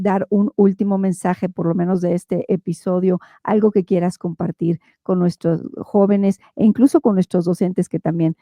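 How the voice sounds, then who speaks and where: Woman, podcast host, deep mellow tone, dry close sound, courteous and measured. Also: no room sound. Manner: measured, courteous, frequent hesitations. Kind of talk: podcast interview.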